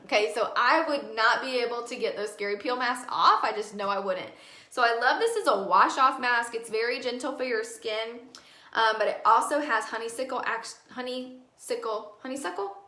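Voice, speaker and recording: A young woman in her twenties talks to viewers during a live skincare demonstration, chatty and upbeat with plenty of fillers. Her voice is bright and slightly high. The room around her sounds echoey. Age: 20s. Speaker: beauty consultant hosting a live skincare demo. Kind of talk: casual live-stream product talk.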